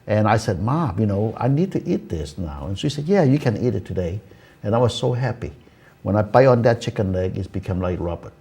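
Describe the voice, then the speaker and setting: Older Hong Kong-born man, low husky voice. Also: expressive, a little fast, mellow. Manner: earnest storytelling with frequent "you know" and "uh". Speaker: host. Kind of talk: casual chat. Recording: community access TV studio.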